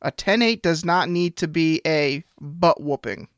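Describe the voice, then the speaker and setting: A man's voice: on the high side, a little slow, a bit bright, dry recording, studio quality. A man co-hosting a sports podcast in casual chat, easygoing with hesitant restarts. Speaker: podcast co-host.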